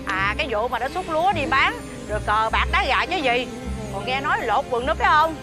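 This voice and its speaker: A gossipy village neighbor in a TV fairy-tale drama. She talks in a chatty, coaxing way and her voice sits high. Music plays behind her. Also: animated, a little fast.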